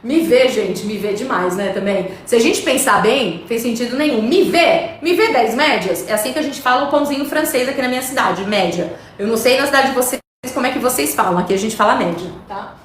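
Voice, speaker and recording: A woman's voice: a little high, quick pace, few pauses. A woman English teacher from Brazil giving a chatty live lesson, reading viewer comments aloud and answering them. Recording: very echoey room with faint background noise.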